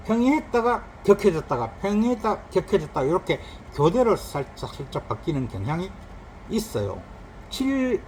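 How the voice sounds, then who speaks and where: A man's voice: on the high side, a little hiss or hum, rough recording. Guy teaching chinese numbers, voice jumps up and down a lot, drags out the examples. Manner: lively explaining, drawn-out examples. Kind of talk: recorded grammar lesson.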